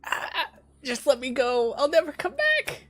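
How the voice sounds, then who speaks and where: Woman doing a raspy, squeaky, panicked creature. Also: huge pitch swings, unhurried, fairly bright tone, faint music behind, exaggerated voice. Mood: stammering. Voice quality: raspy, high-pitched. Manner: pleading, stammering, whimpering. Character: panicked cowering male creature begging for life.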